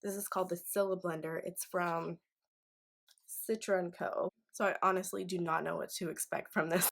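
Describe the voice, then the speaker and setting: A woman in her twenties gives a casual makeup tutorial while tipsy. Her voice sits on the low side with plenty of vocal fry, and her talk is informal and slangy, as if chatting to viewers. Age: 20s. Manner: informal, sweary, effusive slang. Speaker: beauty vlogger.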